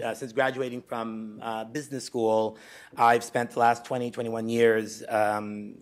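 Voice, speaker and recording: A man's voice: medium pitch, fairly bright tone. A Greek man in his forties giving a conversational conference presentation, with frequent ums and restarts. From Greece. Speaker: conference speaker. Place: lecture hall at a symposium.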